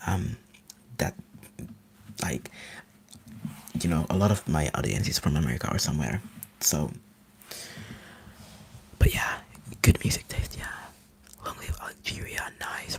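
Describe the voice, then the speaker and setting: This ASMR live streamer is a Finnish man, a native speaker of Finnish, who rambles eagerly in a soft whisper. His voice is low-pitched and creaky.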